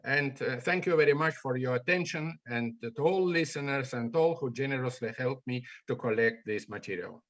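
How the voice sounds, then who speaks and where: A man from Estonia, an ornithologist, giving a presentation over a video call in halting with many fillers. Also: medium pitch, fairly bright tone. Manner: halting, non-native English with fillers. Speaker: guest speaker, ornithologist. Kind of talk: remote presentation talk.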